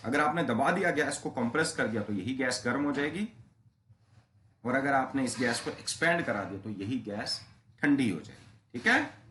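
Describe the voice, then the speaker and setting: A man teaching a physics class, mixing English terms into Hindi. He draws out key phrases slowly and stresses points with sudden rises in pitch and loudness. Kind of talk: classroom lecture. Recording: roomy echo, faint background hiss.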